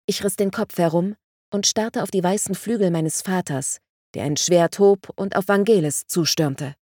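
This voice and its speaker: A woman narrating audiobook samples in a measured, expressive reading. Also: on the low side, husky.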